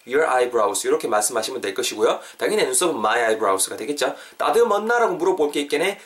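Man, podcast teacher, chatty, animated pitch, repeats phrases slowly, step-by-step explanations. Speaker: host and English teacher. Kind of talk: podcast language lesson.

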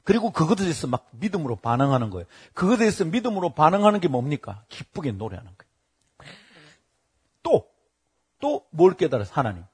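A man's voice: fairly high pitch, brisk, long pauses, slightly rough. A middle-aged male pastor, preaching a sermon and telling stories, acting out the people he quotes. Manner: lively storytelling, acting out quoted voices.

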